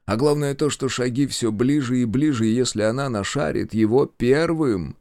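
Brief: male narrator, measured story reading, mid pitch, dry. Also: darkish tone, no room sound. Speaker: audiobook narrator. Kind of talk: scripted narration.

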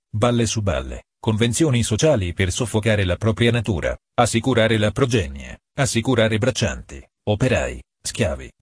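Sarcastic cynic guy ranting about love, read by a man, low husky voice, dry sound. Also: no echo. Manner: sarcastic, emphatic.

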